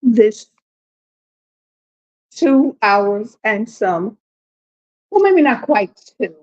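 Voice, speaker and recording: A woman's voice: fairly high pitch, sing-song, very slow, a little mellow. A woman, talking casually to viewers in her home kitchen and complaining with dramatic exasperation. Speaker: home cooking vlogger. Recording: dull lo-fi audio.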